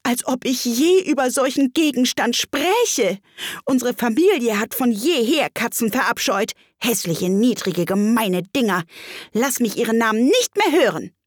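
A woman voicing a shrill, easily offended little mouse that shrieks in a furious voice, with loud indignant outbursts. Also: animated, unhurried, breathy edge, dry recording, studio quality.

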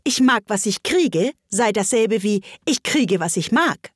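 A woman voicing an odd, contrary male hare in a storybook reading, with a lifted, drawn-out tone. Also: mid-range voice, lively intonation, husky, no room sound, clean studio sound, pitched above the performer's own voice.

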